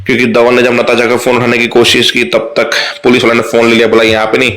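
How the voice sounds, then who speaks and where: A man's voice: medium pitch, monotone, quick pace, a bit bright. A man casually retelling a TV serial episode, briefly voicing the characters' lines and adding light asides to viewers. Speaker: TV serial recap host.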